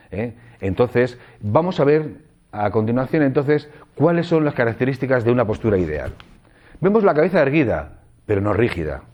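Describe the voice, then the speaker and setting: Man from Spain, lecturer, animated intonation, explanatory, dull lo-fi recording. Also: on the low side. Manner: explanatory, frequent tag questions. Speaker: teacher trainer. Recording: dull lo-fi audio.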